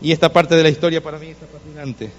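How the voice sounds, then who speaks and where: A man's voice: a little high, level tone, fast talker, in a large hall, highs cut off. A male pastor preaching a sermon in a church, telling stories to the congregation and addressing them directly, with insistent repetition.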